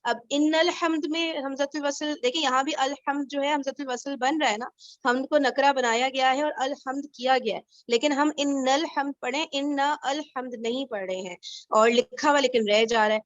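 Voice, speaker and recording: A woman's voice: high-pitched, no room sound, highs cut off. A woman teaching an Arabic grammar class over a video call, explaining patiently step by step and checking that her students understand.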